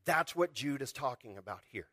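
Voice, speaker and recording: A male pastor preaching a sermon in an animated, conversational way, often asking the congregation rhetorical questions. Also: medium pitch, moderate pace, dry recording, studio quality.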